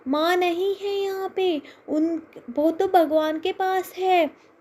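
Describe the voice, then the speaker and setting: Woman playing a sweet old granny in a cartoon story, tender, slow and consoling. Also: very high voice, fairly even intonation, darkish tone, pitched above the performer's own voice. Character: caring elderly grandmother.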